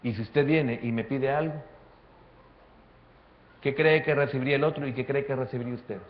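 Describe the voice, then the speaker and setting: A man's voice: mid-range voice, fairly even intonation, normal speed, highs cut off. A man, a pastor preaching an impassioned sermon and calling listeners brother. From El Salvador. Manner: impassioned preaching, swings from soft asides to loud climaxes; addresses listeners directly as brother.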